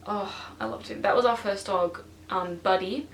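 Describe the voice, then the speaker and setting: Teenage girl, vlog chat, excitable, lots of fillers, echoey bedroom, a little far from the camera. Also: mid-range voice, moderate pace, creaky, slight background noise. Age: teens. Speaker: vlogger. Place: her bedroom. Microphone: stationary camera. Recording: roomy and distant from the camera.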